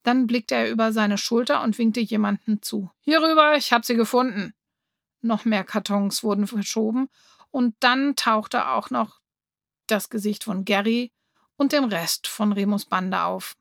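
A woman narrating a children's audiobook in a lively storytelling manner on a close studio mic. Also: mid-range voice, measured pace, vocal fry, dry recording.

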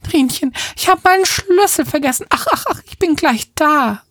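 A woman voicing a shrill, whiny older neighbor woman who wails and laments. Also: animated, moderate pace, a bit bright, no echo, studio quality. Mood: wailing. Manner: wailing, lamenting.

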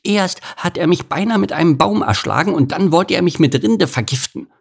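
A man's voice: sits high, animated, normal speed, vocal fry, slightly rough, pitched above the performer's own voice, heavily acted. A man voicing a scruffy squirrel in a storybook, urgently warning others away. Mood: alarmed.

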